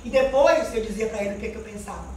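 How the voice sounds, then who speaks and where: In a very echoey church hall with a distant mic and slight background noise, a woman gives a fast, earnest testimony to the congregation. Her voice is mid-range with a dark tone, and she often calls out to the Lord and the brethren.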